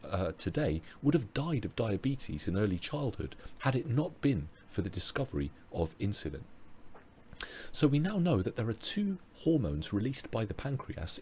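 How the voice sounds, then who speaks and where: British male tutor, hoarse, animated delivery, lots of fillers, webinar mic. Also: on the low side, a little hiss or hum. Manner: explanatory, with frequent fillers and restarts. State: losing his voice. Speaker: biology tutor. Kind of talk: online revision lecture.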